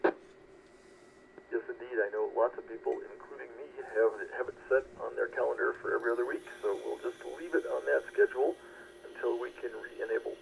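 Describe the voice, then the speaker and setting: Male radio net announcer, deeply fry-laden voice, orderly and formal, heard through two-way radio. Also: steady tone, moderate pace, low-quality recording. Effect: two-way radio transmission. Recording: radio transmission with faint noise.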